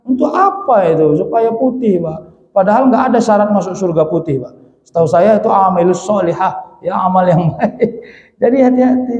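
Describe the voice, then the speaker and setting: Male preacher, high and mellow, in an echoey, muffled mosque hall. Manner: lively storytelling, often calls out to the congregation. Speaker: Islamic preacher. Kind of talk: humorous mosque sermon.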